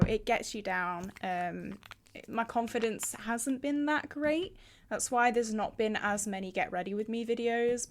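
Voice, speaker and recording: A woman in her twenties chatting casually as a beauty vlogger, with a bubbly, enthusiastic, rambling manner. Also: on the high side.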